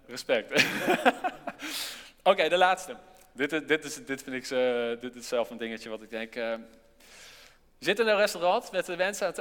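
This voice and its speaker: A man's voice: high-pitched, fairly bright tone. A man leading a casual, interactive church talk, chatty and self-deprecating, with lots of fillers. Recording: long hall reverb.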